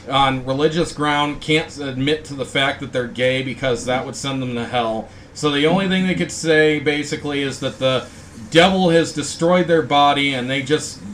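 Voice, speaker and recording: A man's voice: medium pitch, a bit bright, slight background noise. Blunt, indignant man ranting casually. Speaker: host.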